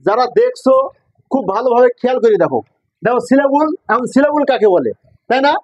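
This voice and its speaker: A man's voice: extremely high pitch, very animated, brisk, a little mellow, poor audio. A man teaching a classroom English lesson, mixing English and Bengali and drilling students with call-and-response questions.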